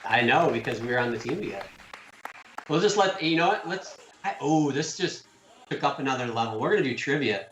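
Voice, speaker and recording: A middle-aged man trades lively jokes while commentating gymnastics. His voice rings in a roomy, echoing space. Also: mid-range voice, a little fast, slight background noise. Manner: animated, joking banter. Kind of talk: live sports commentary. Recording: echoey room.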